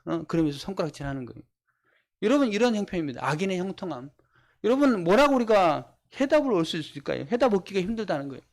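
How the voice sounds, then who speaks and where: A man's voice: sits high, sing-song, fast. A male pastor preaching a sermon, explaining scripture line by line and repeating key phrases for emphasis. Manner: acts out mocking voices of unbelievers.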